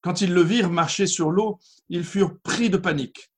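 A man preaching a sermon as pastor, reading scripture aloud and then expounding it with slow, deliberate emphasis. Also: sits high, breathy edge.

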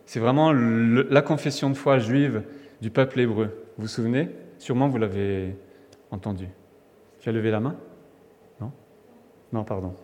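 A man's voice: medium pitch, normal speed, long pauses, a little mellow. Man preaching in a reverberant hall. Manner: conversational, with frequent restarts and fillers, rising to emphatic exhortation. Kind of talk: sermon.

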